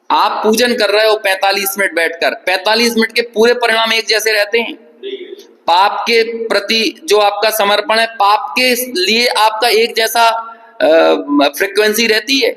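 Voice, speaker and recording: Guy lecturing on scripture, high bright voice, lots of rhetorical questions, long echo off the hall. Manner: asks the audience rhetorical questions; acts out dialogues from anecdotes. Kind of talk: religious discourse.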